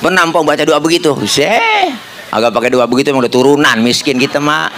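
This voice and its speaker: Animated Betawi comic preacher. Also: male voice, fairly high pitch, fast, slight background noise. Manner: jokey, animated storytelling. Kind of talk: comic sermon.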